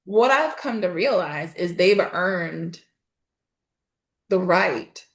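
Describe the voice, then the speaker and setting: Podcast guest woman, pretty low voice, punchy and animated, echoey room. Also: slow pace. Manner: emphatic, animated, laughing asides. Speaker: podcast guest, voice and storytelling coach. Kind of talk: casual interview chat. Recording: roomy echo.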